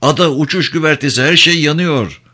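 A desperate woman scientist, put on by a male narrator, calls out in a high, loud, cracking yell. Her lines leap far above the reader's own low voice. The sound is urgent and frightened. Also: very animated, moderate pace. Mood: desperate shouting. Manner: shouting, panicked. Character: frantic woman scientist shouting over fire.

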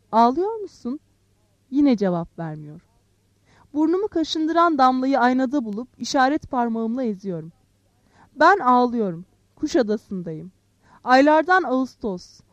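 A woman narrating a literary first-person story in a quiet, measured way, softly dropping her voice on the speech tags. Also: high-pitched, no echo, muffled recording. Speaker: audiobook narrator.

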